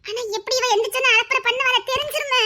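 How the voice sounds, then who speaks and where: A woman with a Tirunelveli Tamil accent acting in a comedy sketch, chattering fast and scheming. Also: very high voice, fairly even intonation, bright, forceful tone. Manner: fast, chattering and scheming, often laughing as she talks.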